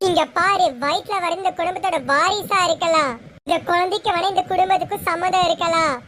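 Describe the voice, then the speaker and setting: Woman doing a shrill scornful mother-in-law. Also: steady tone, a little fast, a bit bright, slight background noise. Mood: scolding. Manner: scolding, contemptuous. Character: scornful domineering middle-aged mother-in-law. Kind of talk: amateur serial voice acting.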